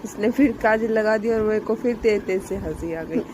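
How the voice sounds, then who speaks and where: A woman's voice: mid-range voice, normal speed, noisy background. A woman, a mother, narrating a home video in a casual, chatty way, amused as she describes each step in turn.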